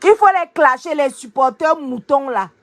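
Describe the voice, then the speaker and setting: A woman's voice: high-pitched, expressive, normal speed. A woman co-hosting a live stream, chatty and teasing, gossiping and repeating her phrases. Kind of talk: heated casual live stream chat.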